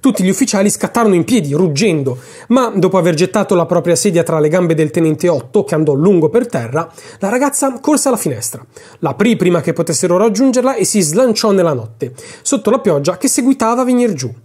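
A man's voice: high-pitched, expressive, a little fast, a little mellow, slightly rough. A man reading a classic story aloud for his podcast, narrating expressively and dramatically. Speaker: podcast host and reader.

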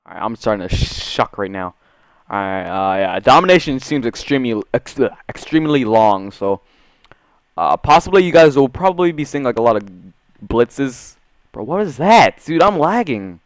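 Young gamer bro with a clear voice. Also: male voice, mid-range voice, moderate pace, dry recording. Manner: slangy gamer bro talk, full of "dude" and "bro"; swings between muttering and excited shouts. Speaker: gaming video creator. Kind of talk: casual, profane video game commentary.

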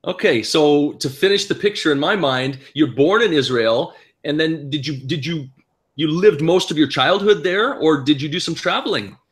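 A middle-aged man hosts an interview over a video call from his home, with a fairly high voice. He asks curious, guiding questions to build a timeline. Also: normal speed. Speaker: interview host. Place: indoor home room.

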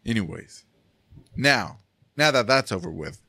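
A man's voice: on the low side, animated, unhurried, sharp tone, dry recording. A man hosting a casual podcast chat, laughing often and tripping over his words. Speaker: podcast host.

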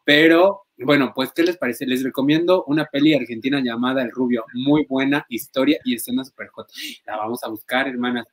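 Playful male gossip host. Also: mid-range voice. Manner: playful, reads viewer comments aloud, jokes in halting English. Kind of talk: casual gossip chat.

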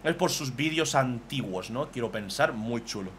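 A man, casually commentating on fan drawings as a streamer, excitable and swearing freely. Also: mid-range voice, moderate pace, a little hiss or hum.

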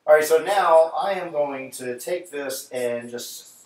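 A man's voice: fairly high pitch, a little slow, recorded from a distance. A man chatting casually with viewers while he cooks on a livestream, his voice ringing with an echoey, cave-like sound. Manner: chatty, talks to viewers while fiddling with audio settings. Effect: echoey, cave-like room sound. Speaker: livestream host cooking breakfast. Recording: roomy echo, off-mic, faint noise.

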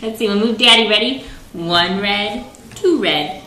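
A woman playing a board game with her small child at home, praising and guiding them in a slow, sing-song way. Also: medium pitch, roomy sound, background noise. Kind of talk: patient, encouraging talk to a toddler.

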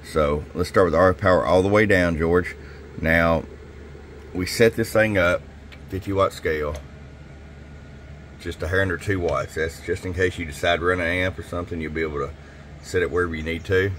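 A man with an extremely deep voice talks a customer through a tune-up at his radio workbench. He is folksy and chatty, and his casual talk carries a faint hiss behind it. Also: fairly even intonation, moderate pace, pauses often, a bit bright. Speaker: radio shop owner.

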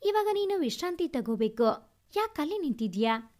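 A woman voicing a caring young husband who speaks gently and reassuringly in a storybook reading. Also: sits high, big pitch swings, normal speed. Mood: tender, coaxing. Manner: earnest, reassuring.

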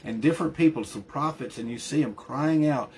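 A male pastor preaches a sermon earnestly and emphatically, often restarting and repeating words as he drives each point home. He speaks fairly quickly at an ordinary middle pitch with a darkish tone. Faint background hiss runs beneath the recording.

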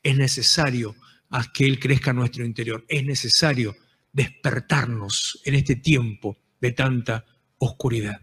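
A man with a Rioplatense Spanish accent preaching a sermon as pastor, impassioned and rising to shouted calls to the congregation. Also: mid-range voice, steady tone, a little slow, breathy edge, big-room sound. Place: church.

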